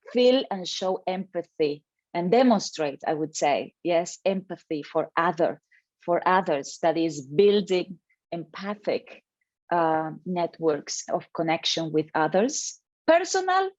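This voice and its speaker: A woman's voice: lowish voice, a little mellow, dry recording, lo-fi sound. A woman presenting an educational webinar to teachers over a video call, earnest and emphatic, reading participants' names from the chat.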